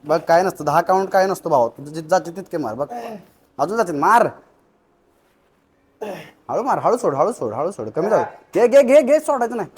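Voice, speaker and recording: A man's voice: a little high, animated, normal speed, long pauses, slight background noise. A man vlogging at the gym, energetically urging a friend through reps and counting sets. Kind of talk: casual gym vlog coaching. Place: gym indoors.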